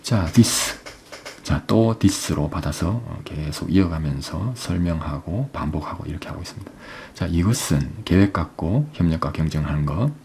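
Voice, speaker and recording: A man teaching English, explaining an exam passage step by step, often asking "right?" and reading English phrases slowly. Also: sits low, expressive, darkish tone, a little hiss or hum.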